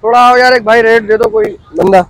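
A chatty man in his thirties with a fairly high voice walks a busy outdoor street market, recorded on a handheld phone camera. He asks vendors their prices and repeats them to his viewers in a casual walkthrough style. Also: fairly even intonation, fairly quick, a bit bright, low-quality recording. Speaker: vlogger touring a market.

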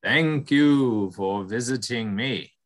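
A man voicing a great dying male buffalo who speaks slowly and gravely in a solemn, kind way. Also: medium pitch, close to an everyday voice.

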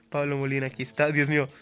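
A man's voice: mid-range voice, fairly bright tone, clear, resonant tone. A man with a Mexican accent giving live gameplay commentary, chatty and constantly greeting viewers. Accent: Mexican Spanish. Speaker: gaming YouTuber.

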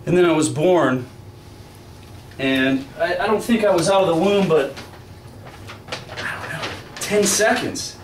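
A man performing at an apartment experimental music show, telling a meandering story in a deadpan, wry way between improvised pieces. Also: on the high side, unhurried, pauses often. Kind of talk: rambling spoken monologue between improvised music. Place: small apartment used as a live music venue. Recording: roomy, distant live room recording with faint noise.

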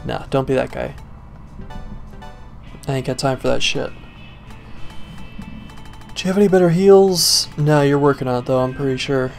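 A young man talks through a video game in a loose, sarcastic way, swearing freely and muttering asides to himself. His voice sits at an ordinary middle pitch, and faint game music plays behind him. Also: fairly even intonation, normal speed, pauses often. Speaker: let's play gamer. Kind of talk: casual gameplay commentary.

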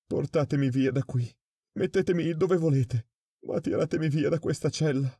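A man voicing a terrified adult male prisoner who begs and stammers in a high, desperate voice. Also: unhurried, dark tone, breathy edge, no room sound, studio quality. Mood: terrified pleading.

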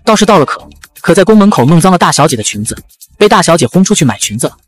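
A woman's voice: on the low side, big pitch swings, fast talker, slightly rough, faint music behind. A male narrator voicing a timid palace servant girl, frightened and hesitant.

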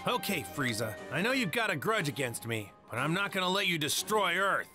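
A man's voice: a little high, big pitch swings, brisk. A man voicing a cheerful, bold martial-arts hero in a video game, earnest and plain-spoken. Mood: confident. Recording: game music behind the voice.

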